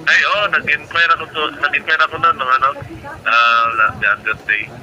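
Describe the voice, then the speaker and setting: A man's voice: a little high, level tone, normal speed, sharp tone, highs cut off. A man talking over a two-way radio during a station-to-station chat, using procedure words and hesitant fillers. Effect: heard over a two-way radio. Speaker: radio operator on a distant station.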